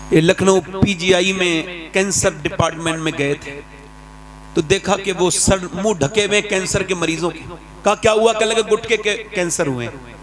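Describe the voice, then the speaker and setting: A man with a high voice preaches a fervent sermon, swinging from quiet storytelling into loud shouting. A large crowd can be heard around him. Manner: impassioned, rising to shouting climaxes.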